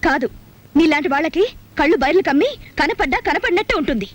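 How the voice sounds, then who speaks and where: An actress playing a sharp-tongued young unmarried woman who scolds bluntly. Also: sits high, animated, fast. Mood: scornful. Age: young adult. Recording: film soundtrack with music behind.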